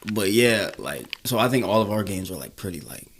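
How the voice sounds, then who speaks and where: A man's voice: on the low side, sing-song, fairly quick, background noise. A young man co-hosting a casual podcast, joking around and now and then putting on a mock British accent. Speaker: podcast co-host. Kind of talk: casual chat. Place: small temporary room.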